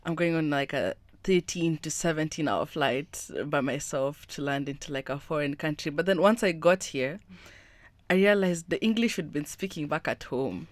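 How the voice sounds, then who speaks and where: A woman's voice: low-pitched, normal speed, no room sound. A young woman from Kenya hosting a podcast in a chatty, rambling way, often breaking into laughter. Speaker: podcast host. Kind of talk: casual podcast chat.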